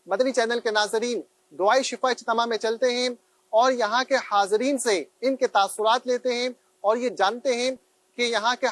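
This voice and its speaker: A man's voice: extremely high pitch, fairly bright tone, dry recording. A man working as a field reporter, introducing an event formally and courteously. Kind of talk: on-location report.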